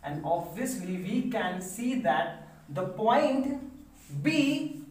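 A woman physics teacher explains a lesson step by step and often asks the class whether it is clear. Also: medium pitch, very animated, extremely slow, a little mellow. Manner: explains step by step, checks understanding with questions. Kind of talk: recorded online lecture. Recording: echoey room, voice from a distance.

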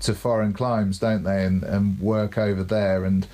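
A man's voice: on the low side, level tone, a little slow, mellow. A man who coaches cricket, explaining his ideas thoughtfully in casual podcast chat, often adding tag questions.

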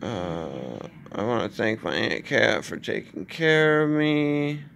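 A young man, groggy from anesthetic, talking in a halting, drowsy way in a casual video diary. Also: medium pitch, animated, vocal fry, a bit bright, slight background noise. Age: young adult. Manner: slow, halting, drowsy delivery. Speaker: vlogger. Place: hospital room, lying in bed. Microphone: phone at arm's length.

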